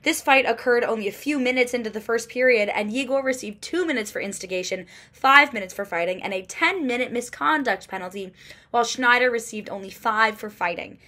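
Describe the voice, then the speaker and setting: In a small room at home, a woman in her twenties reads a scripted postgame sports report. Her pitch is fairly high and her pace a little quick, yet her delivery stays steady and clearly paced.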